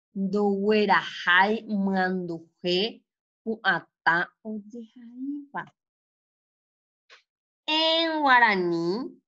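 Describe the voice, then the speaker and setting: A woman teacher giving a slow, patient class, sounding out each word and explaining rules to her students. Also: mid-range voice, fairly bright tone. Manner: slow, patient, spells out words. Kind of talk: online class lesson. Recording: muffled lo-fi recording.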